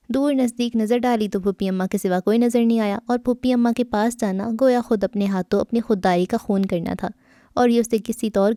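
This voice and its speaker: A woman narrating a novel in a measured, even reading voice. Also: medium pitch, dry recording, studio quality. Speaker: audiobook narrator.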